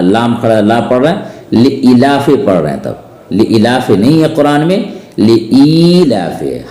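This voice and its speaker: A man's voice: mid-range voice, warm tone. Man teaching chanted recitation, echoey. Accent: Indian Urdu-Hindi. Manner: alternates slow melodic chanting with quick explanatory speech. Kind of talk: recitation lesson with spoken corrections.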